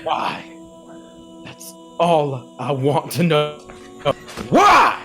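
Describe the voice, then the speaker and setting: A man's voice: a little high, very animated, takes it slowly, heavily acted. A man voicing a furious barbarian with folksy, blustering speech in a tabletop role-play. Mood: furious, indignant. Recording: background music under the voice.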